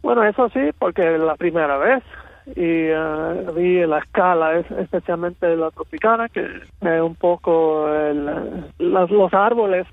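A man from Miami with an American accent in his Cuban-rooted Spanish, telling personal stories as an interview guest, halting and slipping in English words. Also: sits high, gravelly, dry recording, phone-quality sound. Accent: American-accented Spanish with Cuban roots. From Miami, United States.

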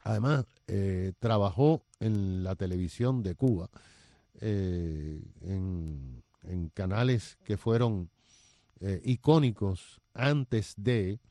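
An older man hosting a radio interview show, talking slowly with many fillers and pauses. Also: low-pitched, warm tone, no echo. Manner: slow, hesitant, with many fillers.

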